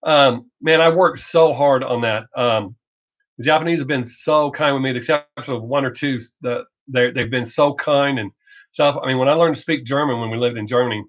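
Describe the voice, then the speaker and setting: Hosting a live stream, a Southern American man who makes reaction videos talks casually and off the cuff: blunt, rambling, profane and joking. His voice is mid-range and a bit bright, with a drawl obscured by fast speech, over dull lo-fi audio.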